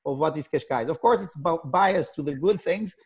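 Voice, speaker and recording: A middle-aged man with a Portuguese accent, CEO of a sailing company, guests on a video call, often getting stuck on repeated words and restarting with "and." His fairly high voice carries vocal fry and a darkish, slightly rough tone.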